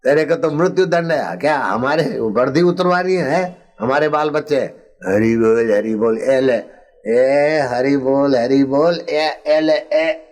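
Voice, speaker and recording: An old preacher doing a gruff taunting constable. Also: male voice, medium pitch, slow, lightly acted. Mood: mocking. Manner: taunting, shouting while beating. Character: gruff mocking male police constable.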